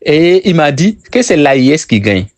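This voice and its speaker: A man's voice: on the high side, very animated, normal speed, no room sound. A man from Burkina Faso with a Burkinabè French accent, teaching sales techniques and repeating his key phrases for emphasis. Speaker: sales trainer.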